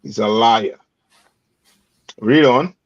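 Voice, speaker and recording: Speaking extremely slowly at a medium pitch, this man guides a scripture reading in call-and-response style. He interjects emphatically, poses rhetorical questions, and keeps saying "read on" and "you understand," all recorded with a dull, dry, lo-fi quality.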